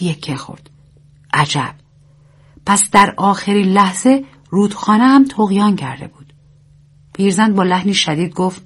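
Husky woman narrating a story. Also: mid-range voice. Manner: steady, measured reading. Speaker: audiobook narrator.

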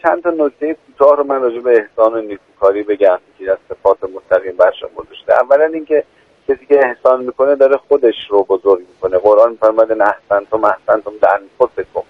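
A male cleric explaining religious teachings in a measured way as a radio guest. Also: on the low side, no room sound. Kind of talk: religious talk. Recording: tinny phone line.

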